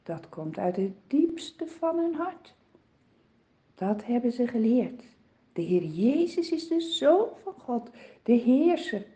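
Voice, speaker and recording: A woman telling a Bible story to children in an expressive, vivid way. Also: fairly high pitch.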